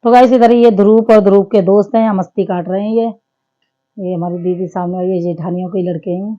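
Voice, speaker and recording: A woman's voice: medium pitch, fairly even intonation, fairly quick, warm tone, lo-fi sound. A woman in her thirties giving a chatty, homely running commentary over her family vlog. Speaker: family vlogger.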